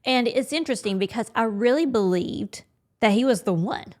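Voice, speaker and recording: A woman's voice: on the high side, expressive, moderate pace, a little mellow. Frank, chatty woman co-hosting a podcast. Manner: frank, chatty, thinking aloud with quoted inner thoughts. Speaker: podcast co-host. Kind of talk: candid conversational podcast chat.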